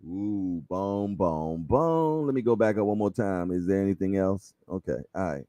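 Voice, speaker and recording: His voice is deep, mellow, and expressive, moving at a moderate pace in a dry recording. He's a man in his fifties hosting a boxing livestream, casually chatting, reading comments from viewers, chuckling, and repeating slangy phrases.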